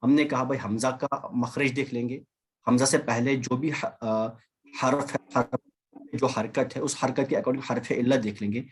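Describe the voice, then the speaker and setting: Husky guy teaching over a video call, patient, goes over examples again and again. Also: medium pitch, fairly even intonation. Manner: patient, repeats and drills examples. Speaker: Arabic teacher. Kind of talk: online class lecture.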